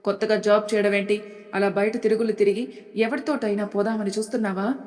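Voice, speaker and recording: A woman's voice: medium pitch, steady tone, brisk, a little mellow, close to an everyday voice. A woman voicing a harsh middle-aged stepmother-aunt in an audio story, scolding and sneering at her niece. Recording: long hall reverb.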